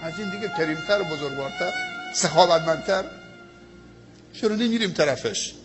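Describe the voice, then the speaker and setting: A high-voiced man with an Afghan Dari accent preaches, telling a story in a sermon. His delivery swings between loud, stirring exclamations and hushed, low phrases. Music plays clearly underneath his voice. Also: lively intonation.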